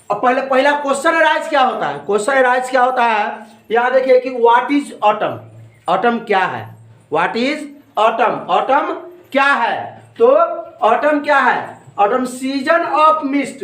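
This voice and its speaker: A man's voice: very high voice, fairly bright tone. A male teacher lecturing on a poem, asking questions and then answering them himself, repeating each point. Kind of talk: classroom lecture explaining a poem. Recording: echoey room.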